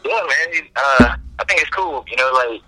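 A man's voice: medium pitch, normal speed, pushed and bright, slightly rough, poor audio. A man calling in over a phone on speakerphone, chatting casually and laid-back, often saying "man" and "dude". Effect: heard over a phone on speakerphone. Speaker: phone-in guest.

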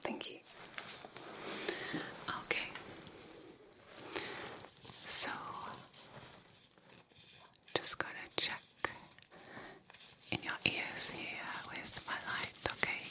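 A woman doing a whispered role-play as a gentle, reassuring doctor, giving repetitive instructions in a breathy, soothing whisper. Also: very slow, long pauses. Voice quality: breathy, mostly unvoiced whisper. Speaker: ASMR performer playing a medical examiner.

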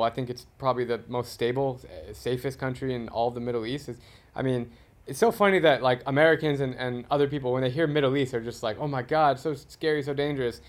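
A man hosting a podcast, talking about travel in an eager, emphatic way and steering the conversation. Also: medium pitch. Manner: enthusiastic, emphatic travel talk. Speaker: podcast host. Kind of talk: casual interview conversation.

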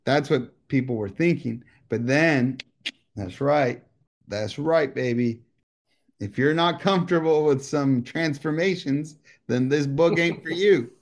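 A man's voice: on the high side, unhurried. Profane, ranting male podcast co-host. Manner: crude, profane, ranting, laughs often. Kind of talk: casual podcast chat.

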